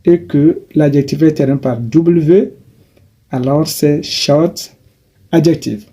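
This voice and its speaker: A man teaching a grammar lesson, slowly and haltingly, repeating himself and correcting his as he goes. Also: fairly high pitch, dark tone, slightly rough. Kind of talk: grammar lesson explaining English adjectives.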